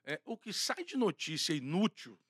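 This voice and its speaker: A man's voice: on the high side, sing-song, moderate pace, fairly bright tone, husky, no room sound, studio quality. A man co-hosting a talk show, teasing and using casual slang as he chats.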